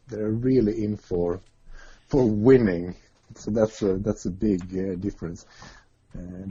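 Swedish man with a dark, husky voice. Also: lowish voice. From Sweden. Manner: hesitant, many filler sounds. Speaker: guest, adventure racer. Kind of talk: remote interview. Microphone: video or internet call. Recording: muffled lo-fi call audio.

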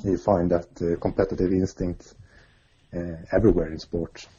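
A man's voice: sits low, flat delivery, moderate pace, dark tone, breathy edge. A man with a Swedish accent, a guest in a remote interview, talking hesitantly with many filler sounds. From Sweden. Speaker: guest, adventure racer. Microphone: video or internet call. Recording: muffled lo-fi call audio.

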